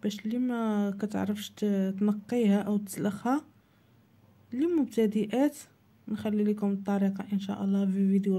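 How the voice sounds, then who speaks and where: A woman's voice: mid-range voice, mellow. A woman with a Moroccan Arabic accent, hosting her cooking channel and explaining a recipe step by step to viewers. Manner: plain, instructive, addresses viewers directly. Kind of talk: cooking tutorial voice-over.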